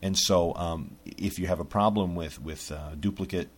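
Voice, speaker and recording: Low husky-voiced man, rambling casually. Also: moderate pace. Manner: rambling, lots of restarts and fillers. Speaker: podcast host. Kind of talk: casual monologue.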